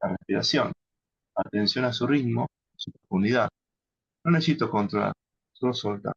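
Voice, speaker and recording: A man teaching contemplative prayer in an unhurried, halting way, often adding a questioning tag. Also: fairly low pitch, vocal fry, slightly rough, no echo. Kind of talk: instructional talk on contemplative prayer. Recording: dull lo-fi sound.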